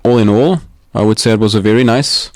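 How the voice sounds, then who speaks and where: Soft-spoken low-voiced Austrian guest. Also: male voice, brisk, dry recording, studio quality. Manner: hesitant, reflective, with many ums and restarts. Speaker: podcast guest. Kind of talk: casual interview talk. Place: home living room.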